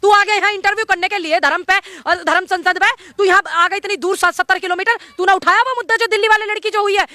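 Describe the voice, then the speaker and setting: A woman in a heated argument with reporters, scolding them with rapid-fire questions. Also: extremely high pitch, fairly even intonation, pushed and bright. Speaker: interviewee.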